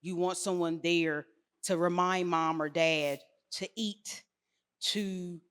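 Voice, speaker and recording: A woman speaking about home care on a panel, lively and laughing often as she acts out dialogue. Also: lowish voice, slow pace, clean tone. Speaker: home care company representative. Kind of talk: casual panel discussion.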